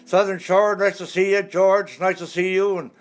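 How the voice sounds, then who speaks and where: A man's voice: high-pitched, flat delivery, normal speed. An older man, telling folksy jokes on a home live stream. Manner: folksy joke-telling, chuckling at own punchlines. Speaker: singer and entertainer. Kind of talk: casual live-stream jokes between songs. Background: guitar.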